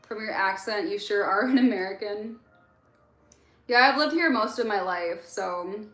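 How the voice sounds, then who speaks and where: In a roomy, echoing room with faint music behind her, a young livestream host born in Egypt talks casually with her late-night audience. She keeps a measured pace in a fairly bright, mid-range voice, answering chat questions full of fillers.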